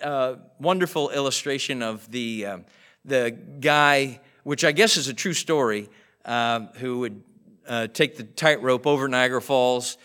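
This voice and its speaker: Preaching a sermon in a church sanctuary, a pastor speaks earnestly in a mid-range, slightly bright voice and acts out the voices in his stories. The live church stream catches his voice drifting away from the mic.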